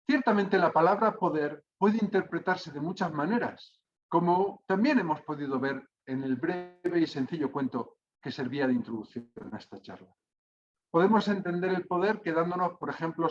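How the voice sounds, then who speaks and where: A man giving an academic lecture, speaking in a measured, deliberate way with hesitant fillers as he reads texts aloud. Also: a little high, highs cut off. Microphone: computer mic, reading from screen.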